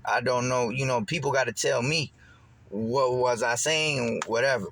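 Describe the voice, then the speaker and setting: Young man vlogging a story, loose and rambling, lively when quoting others. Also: mid-range voice, moderate pace, vocal fry, slight background noise. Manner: rambling, repeats words and restarts, animated when quoting. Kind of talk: casual storytelling.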